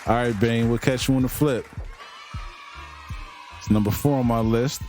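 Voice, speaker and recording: A man's voice: medium pitch, fairly even intonation, normal speed, darkish tone, soft background music, a faint crowd. A man co-hosting a casual podcast, running down his top five villains in a laid-back, drawling way. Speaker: podcast co-host.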